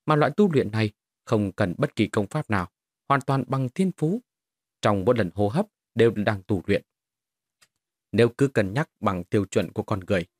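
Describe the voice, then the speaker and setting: A man narrates a fantasy novel in a slightly low voice. His intonation rises and falls in a lively way. The sound is dry, with no room around it. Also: slightly rough, no room sound. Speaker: audiobook narrator.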